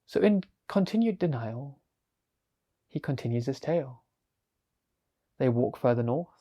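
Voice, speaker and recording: Chatty fantasy storyteller, talks right to you, warm mellow tone. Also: medium pitch, animated, unhurried. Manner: chatty, addressing the listener, with asides.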